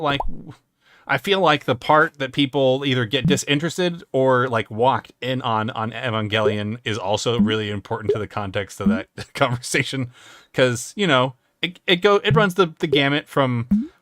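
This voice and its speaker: A man's voice: mid-range voice, fairly bright tone. A man hosting a live stream in casual chat, joking, laughing often and rambling loosely. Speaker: stream host.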